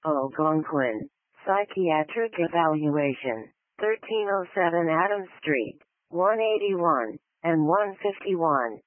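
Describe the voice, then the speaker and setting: Slow female dispatch announcer over radio. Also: low-pitched, animated, no echo. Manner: formulaic, each detail read in separate short phrases. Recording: narrowband emergency radio scanner audio.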